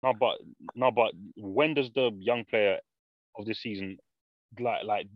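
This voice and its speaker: A man's voice: lowish voice, measured pace, no room sound, muffled recording. A young man with a London roadman accent in casual football chat with friends, repeating his phrases as he makes his point. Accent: London roadman, multicultural urban slang.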